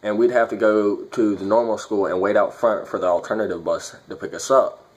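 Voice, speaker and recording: Low-voiced man talking around a packed lip. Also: steady tone, brisk. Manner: blunt, profane. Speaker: dip tobacco reviewer. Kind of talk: casual vlog review and storytelling.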